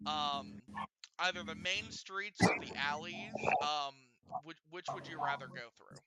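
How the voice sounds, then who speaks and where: A man's voice: on the high side, measured pace, dull audio, very noisy. A man narrating a tabletop role-playing game as game master in a casual way, with lots of fillers. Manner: casual, laughs easily, filler-heavy.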